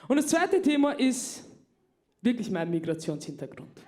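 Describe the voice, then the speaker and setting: A woman's voice: fairly high pitch, sing-song, moderate pace, warm tone, slight background noise. A woman, doing a stand-up comedy set in a club and confiding in the crowd. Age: 30s. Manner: chatty, confiding, addressing the crowd directly.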